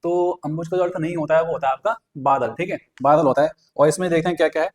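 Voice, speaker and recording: A male teacher works through exam questions one by one, explaining each answer and checking back with his listeners as he goes. His voice sits a little on the high side. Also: fast talker, darkish tone. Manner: explains step by step with repeated fillers. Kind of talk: exam prep lesson.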